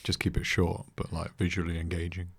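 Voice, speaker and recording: A young British man chatting as a podcast guest, dry and joking in a deadpan way. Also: deep voice, fairly quick, vocal fry, husky, no room sound. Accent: British English. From Britain. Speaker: podcast guest, creative director. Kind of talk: casual chat.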